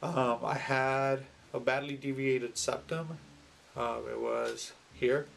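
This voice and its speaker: Male vlogger, gravelly mid-range voice, unscripted and halting, casual tone, slight noise behind. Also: medium pitch, fairly even intonation. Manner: halting, rambling, with many pauses and self-repeats. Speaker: video blogger. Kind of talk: casual personal vlog talk to camera.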